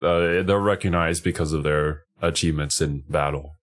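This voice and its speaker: A man's voice: rumbling low, fairly even intonation, normal speed. A man streaming casual reaction commentary, thinking aloud a little hesitantly as he goes.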